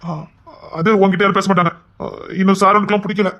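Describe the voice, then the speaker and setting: A woman's voice: medium pitch, steady tone, fast talker, fairly bright tone, lightly acted. A woman voicing a proud, brusque husband in an audio drama, speaking in a grumbling, dismissive way. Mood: gruff, dismissive. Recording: dull lo-fi recording.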